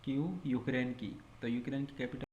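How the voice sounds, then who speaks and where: A man's voice: medium pitch, normal speed, a little mellow, highs cut off, a little hiss or hum. Man drilling a repetitive lesson, echoey room. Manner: repeats each item as question and answer. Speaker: teacher.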